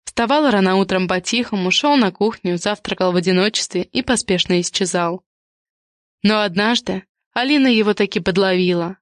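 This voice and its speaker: A woman narrating an audiobook with even, measured storytelling. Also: mid-range voice, dry recording, clean studio sound. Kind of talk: scripted narration.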